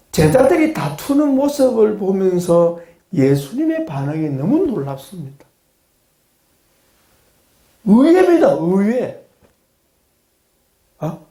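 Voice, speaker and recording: A man pastor teaching a Bible class in a sermon style, animated and humorous, firing rhetorical questions at his listeners. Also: sits high, echoey room. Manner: humorous, acts out blunt reactions. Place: classroom of a study institute.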